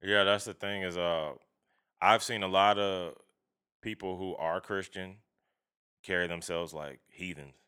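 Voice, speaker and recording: A man's voice: low voice, fairly even intonation, unhurried, sharp tone, clear, resonant tone. A man chatting casually in an emphatic, slangy, profane way, often checking that the listener agrees. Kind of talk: casual opinionated chat.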